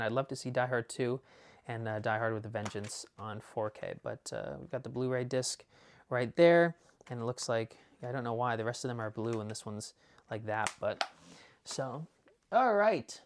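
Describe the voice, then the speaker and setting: A man casually showing off his movie disc collection, rambling enthusiastically with lots of fillers and restarts. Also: mid-range voice. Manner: talks fast at times. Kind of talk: casual unboxing chat.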